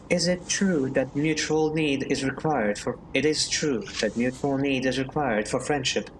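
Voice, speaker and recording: A man voicing a calm, curious station AI in a flat robotic manner while reading a game aloud. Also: mid-range voice, slight background noise, close to an everyday voice, low-quality recording. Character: calm male-voiced station AI, curious and formal.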